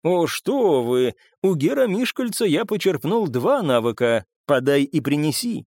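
A smooth, guarded young courtier full of careful politeness and a sardonic edge, put on by a male reader. His voice sits noticeably higher than the narrator's own, and his lines come in an audiobook telling. The recording is close and dry. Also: very animated, measured pace, darkish tone, no room sound, heavily acted. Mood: courteous.

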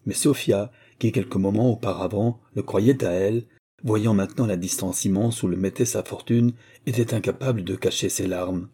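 A man reading a classic novel aloud in a steady, formal audiobook narration. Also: on the low side, normal speed, husky. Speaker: audiobook reader.

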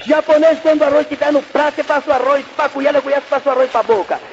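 A man playing a frantic old-time radio football commentator in a comic skit, rattling off tongue-twisting nonsense deadpan. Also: extremely high pitch, quick pace. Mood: rapid patter. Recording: dull lo-fi radio recording, faint noise.

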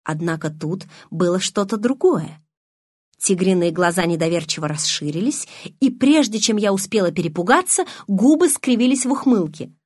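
A woman narrating a first-person audiobook in an expressive, emotional reading. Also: mid-range voice, moderate pace, husky, no room sound, clean studio sound.

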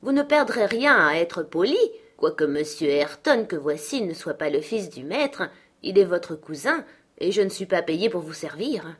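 A woman's voice: fairly low pitch, big pitch swings, moderate pace, breathy edge. A woman reader voicing a blunt farmhouse servant woman who firmly lectures a child. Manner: firm, lecturing.

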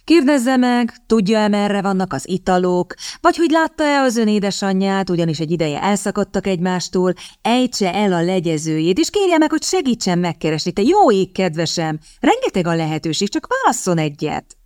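A woman voicing a quick-witted young woman who speaks in a cutting, impatient way. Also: lowish voice, big pitch swings, a little mellow, no room sound, clean studio sound. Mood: tart.

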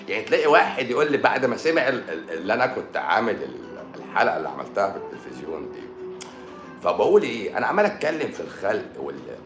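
A man's voice: fairly low pitch, echoey room. Sarcastic Egyptian man chatting on a live stream. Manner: sarcastic, banters with viewers. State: sore throat and swollen eye. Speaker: doctor hosting a live stream. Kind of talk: casual live-stream chat answering comments.

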